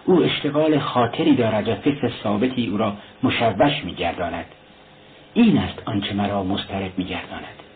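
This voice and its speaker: A man voicing a calm male doctor who explains things in a low, measured way. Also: lightly acted. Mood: concerned. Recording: tinny lo-fi recording, faint hiss.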